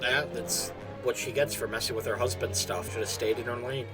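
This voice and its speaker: A man's voice: mid-range voice, steady tone, fairly quick, music in the background, poor audio. A man casually chatting during a film viewing, offering dry, matter-of-fact comments. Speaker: movie reaction co-host. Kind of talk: casual chat while watching a film.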